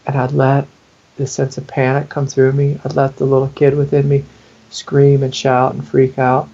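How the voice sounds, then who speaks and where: A man's voice: medium pitch, completely flat delivery, moderate pace, warm tone, muffled recording. A man who is a spiritual teacher, answering in an interview in an earnest, intimate way and sometimes acting out the inner voices he describes.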